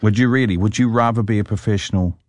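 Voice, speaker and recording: A man's voice: on the low side, fast talker, a little mellow, no room sound. A man hosting an interview and asking curious follow-up questions. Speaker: interviewer, host. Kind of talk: casual radio interview.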